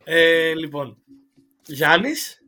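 A man chatting casually as a podcast co-host, thinking aloud with many pauses and fillers. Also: on the high side, lively intonation, bright, forceful tone. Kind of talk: casual basketball chat.

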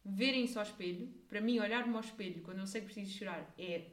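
Young portuguese woman, talks fast and bossy-playful, room echo all over. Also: medium pitch. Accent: European Portuguese. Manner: emphatic, opinionated, playful. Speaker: podcast co-host. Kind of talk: casual chat. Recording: echoey room.

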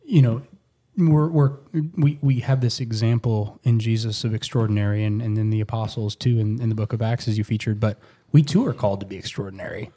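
A man's voice: lowish voice, brisk, mellow. A pastor in a casual sermon discussion, affirming his colleague with frequent agreeing murmurs.

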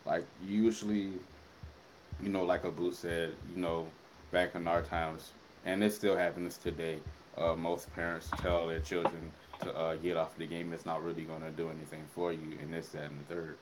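A man in his twenties co-hosting a casual podcast chat, relaxed and rambling with plenty of fillers. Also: low voice, moderate pace, background noise. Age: 20s. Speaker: podcast co-host.

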